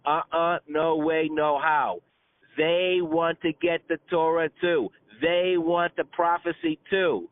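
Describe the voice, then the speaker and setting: A man with a fairly high voice gives an informal religious class as a rabbi over a telephone conference call, the sound dry, tinny and narrow-band. He tells stories conversationally, with stammered repetitions and colloquial asides.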